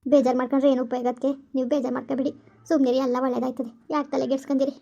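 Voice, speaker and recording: A woman's voice: sits high, flat delivery, racing, creaky, dark tone, pitched below the performer's own voice. A woman voicing a young woman who keeps comforting her sister-in-law, with soothing, repeated reassurances. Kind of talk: animated story voice-over. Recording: lo-fi, dull voice-over.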